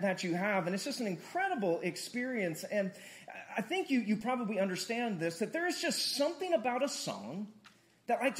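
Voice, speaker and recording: A man preaching a sermon to his congregation in a lively, conversational way, joking and asking for responses. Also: high voice. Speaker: pastor.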